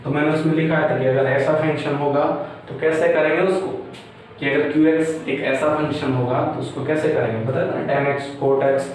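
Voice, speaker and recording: A young man explains a math problem step by step, often pausing to check that his students follow. His slightly raised voice comes from some distance off the mic. The room around him is very echoey, with a faint hiss underneath. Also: on the high side, steady tone. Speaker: math teacher. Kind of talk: whiteboard math lecture.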